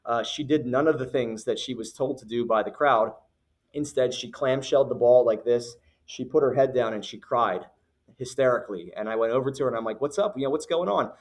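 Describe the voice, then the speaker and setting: A man's voice: medium pitch, brisk. A man running a youth basketball league, giving firm, earnest rules to parents in a recorded announcement, with many fillers and restarts. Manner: repeats phrases for emphasis.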